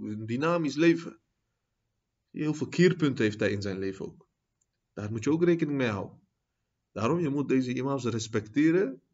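A man teaching a religious lecture on a classical book, mixing in Arabic phrases and asking "zie je?" often, and rising to loud, high-pitched emphasis when he makes a point. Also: slightly rough, highs cut off. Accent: Dutch. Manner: peppers speech with Arabic phrases and repeated "zie je?".

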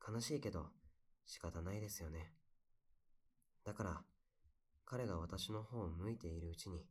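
A young man playing a heartbroken guy who softly confides about lost love in casual, wistful, intimate pillow talk. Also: low-pitched, moderate pace. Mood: wistful, quoting. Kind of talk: intimate pillow-talk audio role-play.

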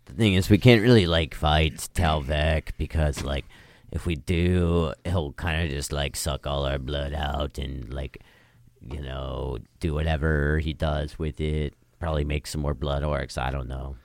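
A man's voice: extremely low pitch, fairly even intonation, a little slow, no echo. A man voicing a laid-back male orc warrior in a tabletop game, drawling and slangy. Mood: relaxed.

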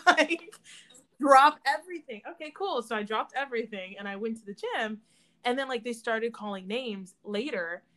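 A young woman co-hosts a casual chat, telling stories with bursts of laughter and little acted-out voices. Her voice sits a bit high. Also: expressive, normal speed, a bit bright. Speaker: podcast co-host.

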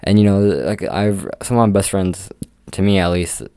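A man's voice: low voice, normal speed, mellow, smooth, dry recording. A young man telling a work story in a casual, rambling way, full of "like" fillers. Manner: rambling, heavy use of "like" fillers. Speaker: amusement park game attendant.

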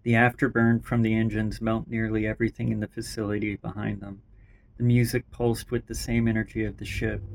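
A man's voice: on the low side, creaky, noisy background. Brief: male narrator, first-draft reading, unpolished, occasional stumbles. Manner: reads with small slips and restarts. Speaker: writer and narrator. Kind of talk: unrehearsed story narration.

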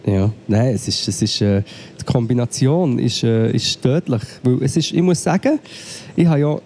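Sick at home and coughing, this Swiss German-accented podcast co-host grumbles about the call connection during a casual remote chat. He talks at normal speed in a mid-range, dark voice with vocal fry, and a little hiss or hum can be heard.

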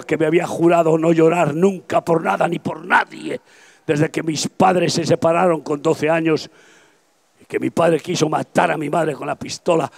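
A man in his seventies with a Spanish accent from Spain, preaching an impassioned open-air evangelistic sermon that swings between soft confiding and shouting. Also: fairly high pitch, vocal fry. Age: 70s. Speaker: pastor. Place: outdoors at a campaign event.

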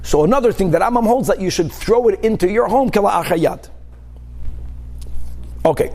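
A man with a high-pitched voice teaches a religious class as a rabbi. He reads from a text and explains it informally, using examples, repetition and rhetorical questions to make each point. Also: animated, normal speed, darkish tone. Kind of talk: religious text lesson, reading aloud and explaining.

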